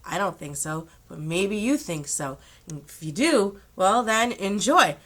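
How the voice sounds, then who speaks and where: A young woman with a sick, slightly rough voice, chatting casually to her channel with rambling asides and throat-clearing. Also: medium pitch, lively intonation, a little slow, a bit bright. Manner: chatty, rambling, self-amused. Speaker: vlogger. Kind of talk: casual chat.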